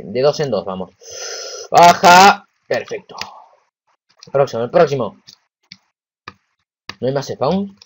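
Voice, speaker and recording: Man, Rioplatense Spanish accent, casual let's-play commentary, excitable, talks to himself and the game, swears when frustrated. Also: mid-range voice, slight background noise, poor audio. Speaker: gameplay commentator.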